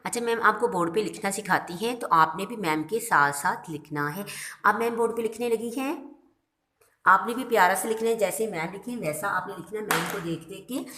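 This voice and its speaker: A woman's voice: mid-range voice, normal speed, sharp tone. A woman teaching young children, speaking patiently and checking in with them again and again. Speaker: primary school teacher. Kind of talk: recorded class lesson for young children.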